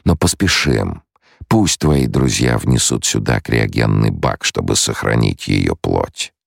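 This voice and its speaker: Audiobook villain: a scheming male shapeshifter, slow taunting bargainer, read by a man with a very deep, dry voice. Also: expressive, vocal fry, no echo, heavily acted. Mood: menacing. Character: cunning male face dancer, scheming menace.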